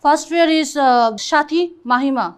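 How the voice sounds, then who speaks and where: A woman English teacher speaks very slowly in halting English. Her voice is high as she spells words out letter by letter in class.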